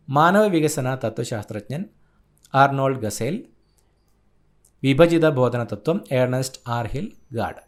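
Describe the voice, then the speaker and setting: Tutor from Kerala, male, mid-pitched, brisk clipped delivery of exam answers. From Kerala, India. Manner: brisk, listing answers in short clipped phrases. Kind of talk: reading out an exam answer key.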